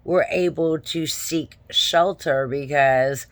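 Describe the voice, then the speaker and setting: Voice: mid-range voice, takes it slowly, no echo. A vlogger casually retelling a dream in a rambling, repetitive way, often checking in with "okay?" and "right?".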